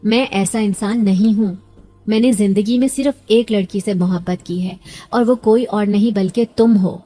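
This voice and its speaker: A man's voice: high-pitched, steady tone, dark tone, soft background music, natural voice. A woman reading an earnest young husband. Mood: pleading. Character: young husband, calm and reassuring.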